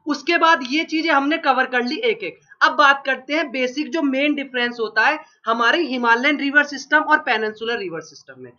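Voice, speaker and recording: Barely pausing, a male teacher speaks at normal speed with an extremely high pitch and a sharp tone. His exam-prep geography lecture is interrupted by occasional coughs from a cold-induced sore throat, and he drills each point by asking and restating the answer. The recording is lo-fi and dull.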